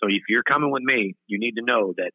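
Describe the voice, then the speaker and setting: In this storytelling interview, a singer-songwriter in his fifties speaks fast at medium pitch, rambling, cutting himself short and restarting while laughing at himself. The audio is tinny, like a phone line, very dry with no echo or sense of room.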